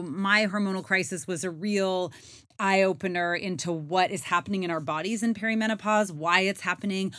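A woman's voice: medium pitch, a bit bright, dry recording, studio quality. A woman in her forties hosting a podcast, chatting casually with lots of fillers while recording inside a closet. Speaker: podcast host. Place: inside a small clothes closet.

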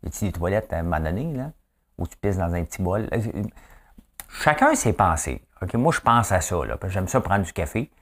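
A man's voice: deep voice, big pitch swings, fairly quick, fairly bright tone. A man in his fifties with a Quebec French accent, hosting in a chatty, joking way and asking his audience questions. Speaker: host. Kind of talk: casual chat presenting trivia.

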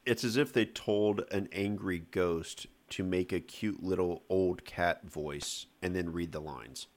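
A man with a very low voice hosts a casual film podcast. He jokes lightly and moves the talk along from topic to topic. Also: measured pace. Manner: joking, leads the discussion. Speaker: podcast host. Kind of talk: casual film review chat.

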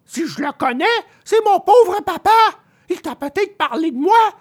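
A woman's voice: animated, normal speed, darkish tone. Pinocchio, a woman doing a wailing puppet boy. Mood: anxious. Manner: high, wailing and pleading. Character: tearful wooden puppet boy, impulsive and eager. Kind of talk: storybook reading.

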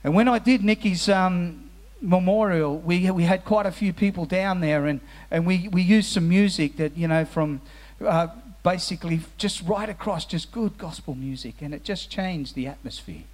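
A man preaching in a church hall, his voice sitting high for a man. He talks earnestly, stumbles and repeats words as he restarts, then slows and sinks soft on the solemn lines. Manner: drops to slow, soft tones on solemn phrases. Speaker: pastor. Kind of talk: sermon. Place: church hall with musicians present.

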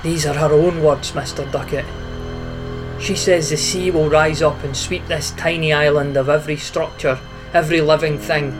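A man's voice: on the high side, steady tone, moderate pace, music in the background, close to an everyday voice. An actor playing a feverish young man tormented by a haunting voice, pleading urgently. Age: young adult.

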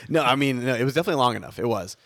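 A man's voice: mid-range voice, expressive, fast talker, a bit bright, no room sound, clean studio sound. A young man co-hosting a casual podcast chat. He is laid-back and talks loosely, with easy laughs and lots of fillers. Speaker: podcast co-host.

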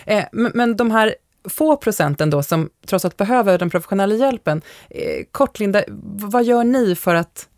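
A woman's voice: mid-range voice, expressive, a little mellow, dry recording, studio quality. A woman hosting an interview, asking questions with a curious manner. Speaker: host.

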